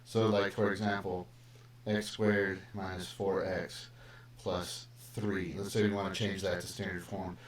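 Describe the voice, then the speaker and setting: A man's voice: low-pitched, flat delivery, unhurried. A middle-aged man, a math teacher, talking casually and playfully through a live-streamed lesson in a classroom, with lots of fillers and asides. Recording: roomy live stream with faint noise.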